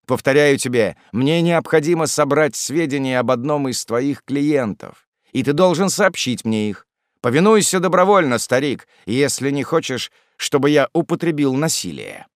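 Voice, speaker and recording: A man's voice: medium pitch, animated, moderate pace, no room sound, studio quality, pitched above the performer's own voice, close to an everyday voice. Man doing a stern young officer. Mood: commanding. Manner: firm, commanding tone. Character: stern young male officer, commanding and threatening. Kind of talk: audiobook reading.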